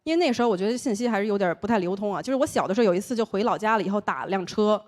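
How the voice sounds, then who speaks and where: A young woman from Taiwan who speaks with a Beijing accent, doing an animated stand-up comedy set on a stage and slipping into other people's voices. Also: medium pitch, very fast. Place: comedy stage before a live audience.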